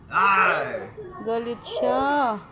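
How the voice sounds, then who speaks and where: A woman's voice: on the high side, sing-song, extremely slow. A woman talking in coaxing baby talk to her pet in a casual home video. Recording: loud background noise.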